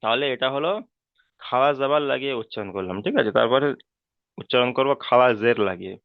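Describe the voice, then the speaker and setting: A man's voice: mid-range voice, quick pace, vocal fry, no room sound. A man teaching Quran letter pronunciation in an online class, patiently drilling each letter and often checking that students follow. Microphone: online call. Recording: dry, phone-like call audio.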